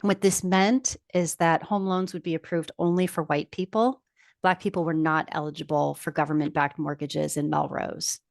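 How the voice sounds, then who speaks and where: A woman with a low voice gives an explanatory slide presentation online. The sound is dry, with very little room around it. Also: fairly even intonation, normal speed, vocal fry, no room sound. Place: online video call.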